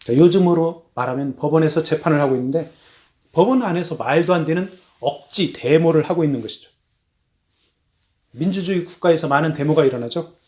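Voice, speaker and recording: A man preaching a sermon as a missionary, emphatic, his voice rising on key words and then falling low, slowing down for stress. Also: a little mellow. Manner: measured, slows down for stress.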